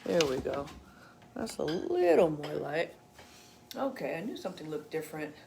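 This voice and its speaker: A woman yoga instructor guiding a gentle stretch session, chatty and encouraging between breathing cues. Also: deep voice, sing-song, normal speed, vocal fry, roomy sound, background noise.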